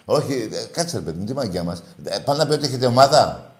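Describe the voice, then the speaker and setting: A male radio sports host needling a caller in call-in banter, teasing and quick to get heated. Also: medium pitch, animated.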